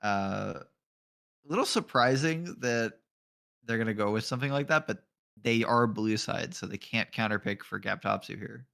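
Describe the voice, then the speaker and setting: A man's voice: on the low side, normal speed, gravelly, a bit bright. Laid-back man casting an esports draft. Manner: casual and joking, laughs often, swears offhandedly. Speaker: esports color commentator and league admin. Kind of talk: live esports draft commentary.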